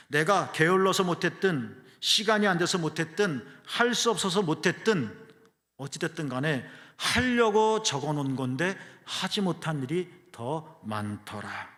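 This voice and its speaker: A male pastor preaching a sermon, earnest, dropping to hushed low phrases and then rising to emphatic ones. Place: church sanctuary. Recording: long church hall reverb.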